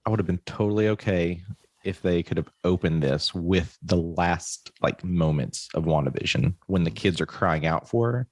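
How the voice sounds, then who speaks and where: Podcast host, man, deep voice, dry mic, eager and conversational. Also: no room sound. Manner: enthusiastic, quick affirmations. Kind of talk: casual film review chat.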